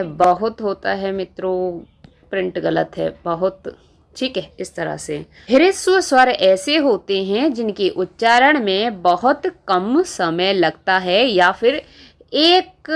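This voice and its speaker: A woman teaching Hindi grammar in a lesson video, explaining slowly, repeating key terms and asking rhetorical questions. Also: medium pitch. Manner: slow, repetitive explaining with frequent rhetorical questions.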